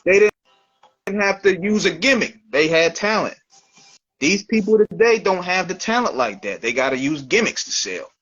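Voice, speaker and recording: A man's voice: sits high, animated, moderate pace, fairly bright tone, highs cut off, faint music behind. A man hosting a casual talk show, with loose, slangy talk that keeps repeating and restarting. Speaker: show host. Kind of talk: casual chat.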